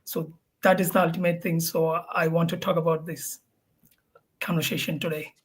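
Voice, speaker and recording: A man's voice: on the high side, little pitch movement, normal speed, slightly rough. Formal male panel guest. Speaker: lead product designer, panel guest. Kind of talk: panel discussion.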